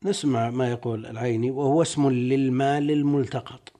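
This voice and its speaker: Mellow-voiced sheikh explaining slowly. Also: male voice, mid-range voice, fairly even intonation. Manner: deliberate, stretches key words while explaining. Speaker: sheikh teaching a text. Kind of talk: classical lesson, reading and explaining commentaries.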